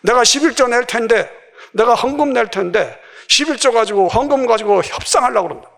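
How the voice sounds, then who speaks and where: Gravelly, high-pitched Korean man preaching. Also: lively intonation, brisk, a bit bright. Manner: impassioned preaching, acting out quoted voices. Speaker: pastor. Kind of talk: sermon.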